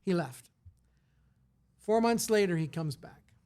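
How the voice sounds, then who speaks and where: A middle-aged man who owns a tire shop, telling an animated story and acting out what his customer said. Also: high-pitched, takes it slowly. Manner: animated anecdote teller, acts out customer quotes. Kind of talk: storytelling in casual podcast chat.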